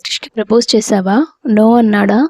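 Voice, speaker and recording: A woman's voice: mid-range voice, flat delivery, a little fast, darkish tone, no echo, natural voice. A woman voicing an outspoken young woman friend who worries over her crying roommate. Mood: concerned. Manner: outspoken, teasing. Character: young woman, blunt caring hostel friend.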